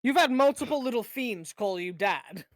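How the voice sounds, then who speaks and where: High-pitched man chatting at game night. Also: expressive, moderate pace, no echo. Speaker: tabletop game player. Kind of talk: casual chat.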